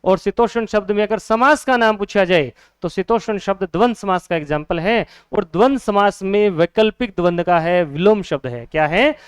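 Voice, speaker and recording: A man's voice: high-pitched, moderate pace, hardly any pauses, smooth, no echo, studio quality. A man teaching a Hindi grammar lesson for exam students, asking questions and answering them himself, repeating each key word.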